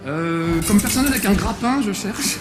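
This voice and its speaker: A man's voice: sits high, animated. Playful guy hosting a game contest on a convention stage, teasing everyone, echoey hall, music behind. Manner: playful, teasing, quick to joke and cheer on the crowd. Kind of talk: live event emceeing. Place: convention stage before an audience. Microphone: handheld stage mic.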